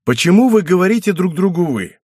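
A man's voice: sits high, big pitch swings, brisk, breathy edge, dry recording, studio quality, pitched above the performer's own voice, exaggerated voice. A man doing a hearty tipsy old nobleman. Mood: jovial. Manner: loud, hearty, teasing. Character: boisterous tipsy middle-aged nobleman, jovial.

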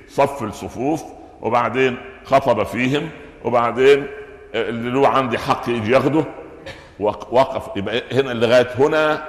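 A man with an Egyptian accent preaches a sermon, animated and story-driven, tossing rhetorical questions at the crowd. His voice sits at an ordinary pitch. It rings through a big roomy hall with a long reverb tail. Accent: Egyptian Arabic. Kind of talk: sermon explaining Quran commentary.

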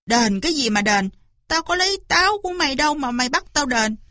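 A woman voicing a gruff, impatient older male farmer in a storybook reading. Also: on the high side, animated, normal speed, a bit bright, no echo, studio quality. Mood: grumbling. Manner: blunt, grumbling.

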